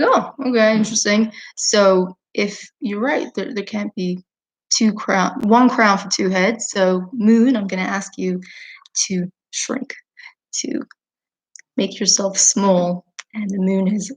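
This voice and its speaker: A woman's voice: medium pitch, fairly even intonation, slow pace. A woman teaching a lesson by retelling an old story in a chatty, informal way with frequent fillers.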